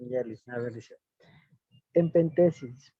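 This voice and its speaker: Slow Ecuadorian man over a tinny line. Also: mid-range voice, breathy edge, dry recording. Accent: Ecuadorian Spanish. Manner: slow, halting reading with restarts. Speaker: student. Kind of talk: reading aloud in class. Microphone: video call. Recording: tinny, dry phone-like line.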